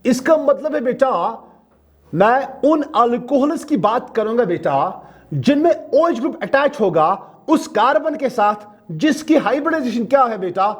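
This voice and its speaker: A man's voice: very high voice, animated, unhurried, breathy edge. A man with a Kashmiri accent giving a chemistry lecture, asking his own questions, answering them himself, and fondly calling the students "beta". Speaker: chemistry teacher. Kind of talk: classroom lecture.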